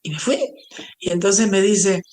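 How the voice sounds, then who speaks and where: An older woman with a Puerto Rican accent, a former publicist, telling animated stories in an interview and slipping in English phrases. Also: mid-range voice, measured pace. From Puerto Rico. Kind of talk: storytelling interview.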